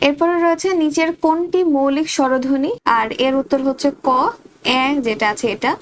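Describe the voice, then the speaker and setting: A woman tutor with a Bangladeshi Bengali accent running a quick exam revision, reading each question and giving the answer straight to her students. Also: high-pitched. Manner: rapid question-and-answer drilling, addresses students directly.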